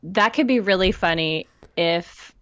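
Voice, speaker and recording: A woman's voice: lowish voice, a little slow, a bit bright, no room sound, dull audio. A woman guesting on a podcast, getting over a cold and sounding congested, joking and teasing in casual chat. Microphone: new studio microphone.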